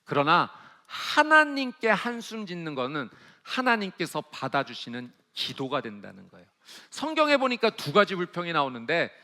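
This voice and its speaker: A man's voice: a little high, bright, forceful tone. A man preaching a Sunday sermon as pastor, asking the congregation rhetorical questions and pressing his points with emphasis.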